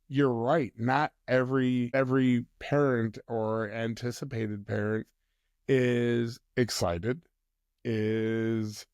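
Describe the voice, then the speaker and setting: Slow, measured male counsellor. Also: mid-range voice, darkish tone, no room sound, clean studio sound. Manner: measured, explanatory. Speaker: mental health counsellor guest. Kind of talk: podcast interview conversation.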